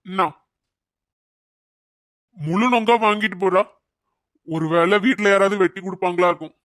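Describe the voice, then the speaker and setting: A voice actor playing a gruff old fruit seller in a cartoon, with a deep pitched-down voice and a loud, brusque way of talking. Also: normal speed, dry recording, clean studio sound, lightly acted. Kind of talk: cartoon voice acting.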